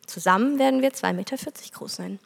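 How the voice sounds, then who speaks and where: A woman speaking the part of Jesus in a parable, calm and reassuring, in her own voice. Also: medium pitch, fast, gravelly, breathy edge, long reverb tail. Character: Jesus, gentle reassuring grown man.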